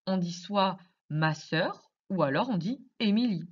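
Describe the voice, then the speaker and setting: A woman teacher explaining grammar to young children in slow, careful speech, asking many questions. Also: mid-range voice, animated, husky, lo-fi sound. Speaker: primary school teacher.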